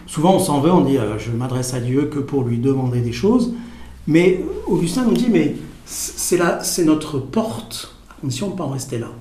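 Halting man teaching in an echoey room. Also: fairly high pitch, lively intonation, warm tone, recorded from a distance. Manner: halting, many fillers and repeated words, asks the audience questions. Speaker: teacher on prayer addressing a group. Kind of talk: spoken teaching talk to an audience.

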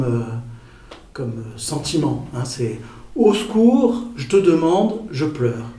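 Halting man teaching in an echoey room. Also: fairly high pitch, a little mellow, far from the mic. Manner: halting, many fillers and repeated words, asks the audience questions. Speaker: teacher on prayer addressing a group. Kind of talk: spoken teaching talk to an audience.

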